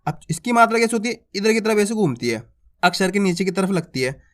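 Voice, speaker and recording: A man's voice: high voice, animated, fast, a bit bright. A man teaching the Hindi alphabet, who explains each vowel sign simply and calls out the syllables in a raised voice.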